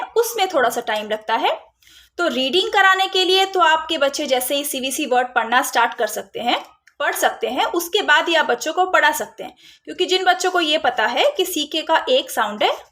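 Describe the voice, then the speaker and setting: A woman's voice: sits high, sharp tone. A woman explaining a phonics spelling rule to parents, patiently sounding out letters and words, mixing in English terms. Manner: slow, patient, mixes Hindi and English words. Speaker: phonics teacher and parenting vlogger.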